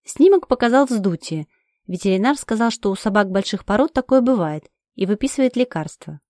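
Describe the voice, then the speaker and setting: A woman's voice: medium pitch, lively intonation, brisk, darkish tone, no room sound. Woman reading an emotional story, dry sound. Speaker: narrator. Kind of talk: first-person audiobook reading.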